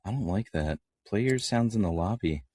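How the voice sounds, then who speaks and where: A man's voice: fairly low pitch, expressive, normal speed, warm tone, husky, dry recording. A man co-hosting a casual gaming podcast, chatty and jokey, rambling playfully. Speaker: podcast co-host.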